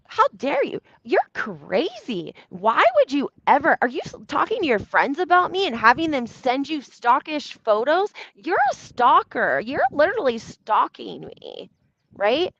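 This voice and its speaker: A YouTube host recaps reality TV for a live audience as casual gossip, speaking emphatically and often repeating herself for effect. Her mid-range voice is gravelly and fairly bright, and the slightly lo-fi recording has no room sound.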